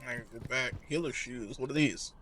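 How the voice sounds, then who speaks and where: Male gamer: offhand, slangy play commentary, mid-range voice over clear game music. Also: medium pitch, brisk, sharp tone. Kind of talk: casual gameplay commentary.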